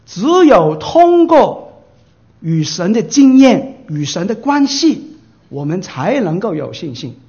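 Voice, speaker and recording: A man's voice: high voice, sing-song, slow, warm tone, highs cut off. A male pastor preaching a sermon. He keeps asking his listeners questions and answering them himself, and he acts out short dialogues in livelier voices.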